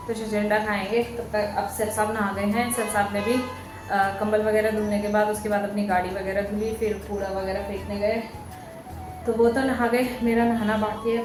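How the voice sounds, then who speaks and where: A woman vlogging casually at home, chatty and teasing, often breaking into laughs. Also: mid-range voice. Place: home kitchen and indoors. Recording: echoey room with music behind.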